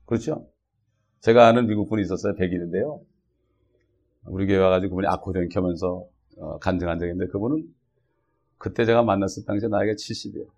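A man's voice: sits low, quick pace, long pauses, a little mellow, slight background noise. A man preaching a sermon in a conversational way, often checking with the congregation as he speaks. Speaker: pastor.

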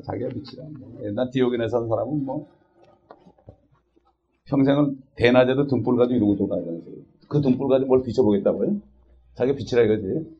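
An older man preaching a sermon, often questioning his congregation and prompting with a quick "eh?". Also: medium pitch, a little mellow. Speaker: pastor. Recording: dull lo-fi recording.

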